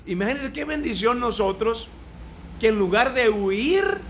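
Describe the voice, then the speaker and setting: A man with a high voice takes part in a Bible study discussion. He speaks haltingly, repeating words as he goes, over a faint background noise. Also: animated, fairly bright tone. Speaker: participant in a Bible lesson.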